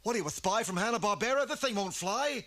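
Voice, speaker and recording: A man's voice: high-pitched, animated, fast talker, fairly bright tone. A man voicing a slick young cartoon carpet peddler who wheedles in hipster slang. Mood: wry, eager.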